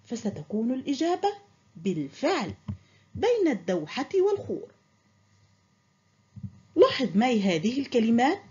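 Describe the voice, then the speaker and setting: A woman's voice: fairly high pitch, a little mellow, dull audio. A woman teaching a primary school grammar lesson, asking pupils questions and praising their imagined answers. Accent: Qatari. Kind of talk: recorded classroom lesson.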